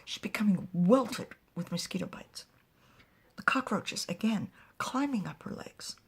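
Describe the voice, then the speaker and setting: A woman telling a fantasy story aloud in an animated way, often dropping to a whisper. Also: medium pitch, measured pace. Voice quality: husky and breathy.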